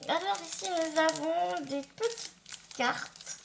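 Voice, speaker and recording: A woman's voice: very high voice, takes it slowly, creaky, noisy background. A woman chatting casually to viewers as a craft unboxing vlogger, affectionate and gushing, with a slight lisp and slushy s sounds. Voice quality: slight lisp, slushy s after dental surgery.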